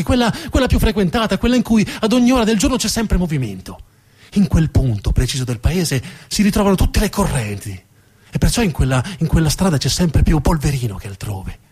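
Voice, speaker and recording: A storytelling stage actor performs a narrative theatre monologue, emphatic and theatrical, repeating words for effect. His voice is medium-pitched, darkish and slightly rough.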